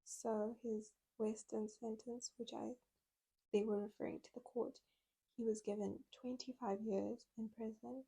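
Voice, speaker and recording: A woman's voice: a little high, flat delivery, unhurried, vocal fry, mellow, husky, poor audio. A woman casually retelling a true crime story, recounting events with quoted speech.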